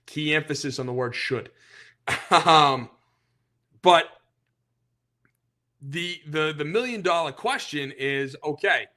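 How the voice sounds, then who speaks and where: A man hosting a sports podcast, ranting as an opinionated fan in a casual, animated way. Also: fairly high pitch.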